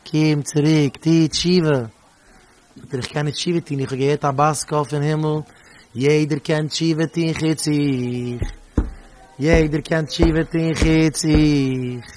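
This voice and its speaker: Man, preacher, fairly high voice, emphatic storytelling, repeats phrases. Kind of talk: storytelling sermon.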